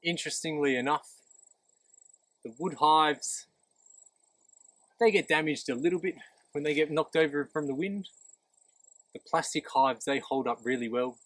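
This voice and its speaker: A man's voice: medium pitch, fairly bright tone, dry recording, poor audio. A man instructing in a practical, plain-spoken way, explaining a hands-on demonstration step by step while outdoors. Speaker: beekeeping instructor. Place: outdoors beside beehives.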